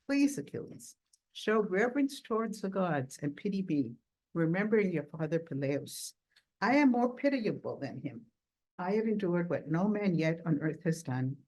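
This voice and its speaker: A woman with a fairly low, slightly mellow voice delivers an academic lecture at a workshop. She reads quoted texts deliberately and at a measured pace, slowing to stress key words. The audio quality is poor.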